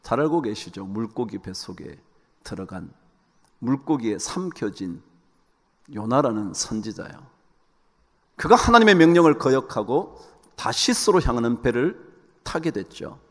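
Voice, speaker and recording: A male pastor preaching a sermon with animated delivery, often turning to address the congregation directly. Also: medium pitch, unhurried, long pauses. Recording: hall reverb.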